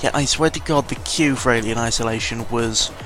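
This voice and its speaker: Fairly quick in his mid-range voice, a British man gives casual, rambling commentary on a game as a gaming vlogger. He's digressive and sweary, correcting himself often, and music sits under his voice.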